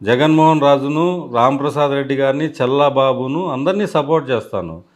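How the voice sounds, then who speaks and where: A man's voice: mid-range voice, a little fast. A man, a district party president, answering interview questions firmly and dismissively. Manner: firm, dismissive, repeating points.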